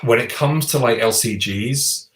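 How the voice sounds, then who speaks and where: A man's voice: mid-range voice, measured pace. A man co-hosting a podcast, chatting enthusiastically about board games with lots of restarts. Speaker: podcast co-host. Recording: roomy echo.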